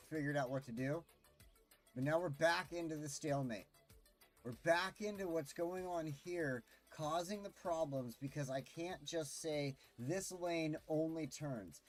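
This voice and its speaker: A man's voice: a little high, a little slow, soft background music. A man streaming a city-building game, delivering an impassioned, pleading rant with swearing. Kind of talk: ranting gameplay commentary.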